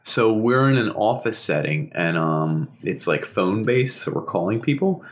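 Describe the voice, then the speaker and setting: A man co-hosting a podcast in casual chat, talking in an animated way and telling stories. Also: unhurried. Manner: animated storyteller, bursts into high laughing impressions. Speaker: podcast co-host. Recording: dull lo-fi podcast audio.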